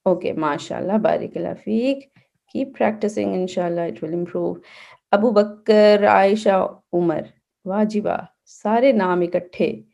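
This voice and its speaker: A woman's voice: mid-range voice, vocal fry, dark tone. A woman teaching children in an online class, patiently correcting their recitation and checking in with them often. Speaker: Quran and Seerah teacher for kids.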